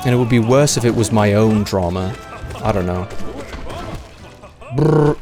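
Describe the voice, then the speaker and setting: A low-voiced man rambling through a casual livestream, circling his thoughts with fillers and self-deprecating asides. Music plays clearly underneath his voice. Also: a little fast. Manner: meandering, self-deprecating, many fillers and restarts. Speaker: streamer. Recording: music playing clearly behind the voice.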